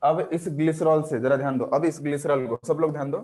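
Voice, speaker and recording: A man teaching a live online biology class, quizzing his students with quick questions. He mixes English terms into his talk, repeats key words and keeps a teasing, encouraging manner. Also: a little high, fairly even intonation, a little mellow.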